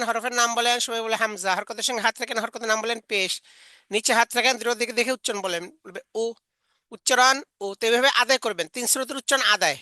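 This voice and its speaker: A woman trains Quran teachers in a bright, slightly high voice. She explains each classroom drill step by step and slows down to model the sounds. The recording is dry and close. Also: dry recording. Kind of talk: instructional lecture.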